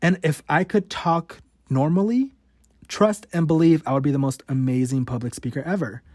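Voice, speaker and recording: A podcast host in his late twenties speaks at a moderate pace in a slightly high, darkish voice, candidly discussing his life and swearing often. Repeated words and cut-off sounds reveal his stutter. The recording is clean studio sound with no room sound.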